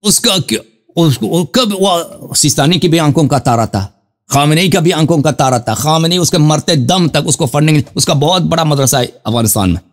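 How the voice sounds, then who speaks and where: A Shia cleric answers a question with a fervent, animated religious talk, his fairly high voice leaping up and down as he drives each point home. He repeats himself for emphasis and calls out to his listeners as brothers.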